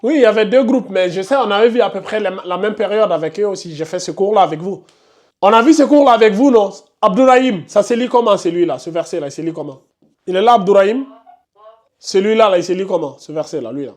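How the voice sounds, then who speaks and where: A man's voice: sits high, animated, quick pace, a little mellow. A man teaching a live tajwid class, questioning students by name and insisting they concentrate. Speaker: Quran recitation teacher.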